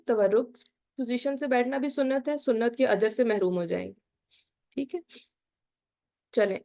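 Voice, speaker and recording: Woman, religion teacher, fairly high voice, asks questions, careful slow recitation. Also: darkish tone. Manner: quizzing listeners with repeated "ٹھیک ہے؟" checks. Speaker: Islamic studies teacher. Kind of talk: online lecture on prayer.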